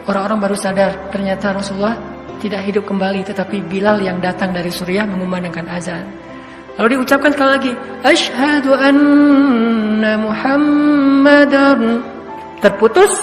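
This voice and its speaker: A man's voice: high-pitched, fairly even intonation, brisk. A man telling a story in a sermon, acting out the characters' lines. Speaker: preacher. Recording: echoey hall with faint music.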